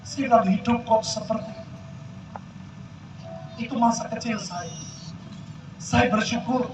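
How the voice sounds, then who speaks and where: An older man preaches a dramatic testimony at an outdoor field event, speaking directly to the crowd. His voice sits very high and carries through a long-echoing sound system, heard from a distance with traffic and open-air noise clearly behind him. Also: measured pace. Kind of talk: sermon testimony. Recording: echoey PA sound from far off.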